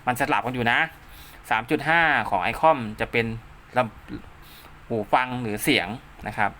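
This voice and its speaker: The host of a DIY radio repair channel gives an informal, hands-on tutorial, talking casually while drawing diagrams. His mid-range voice is unhurried, pushed and bright, and he repeats himself and drops in little spoken sound effects over slight background noise.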